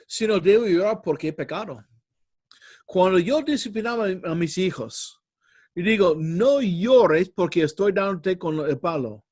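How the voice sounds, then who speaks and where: Earnest man preaching slowly in a church hall, dry close sound. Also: very high voice, a little mellow. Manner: earnest, addresses listeners as brothers. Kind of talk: sermon.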